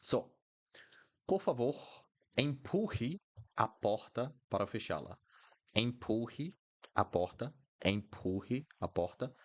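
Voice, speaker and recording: Teaching Portuguese live online from Brasilia, a Brazilian man speaks slowly and animatedly in a medium-pitched, slightly mellow voice with a Brazilian Portuguese accent. He chats, apologizes, and says words again so learners can follow.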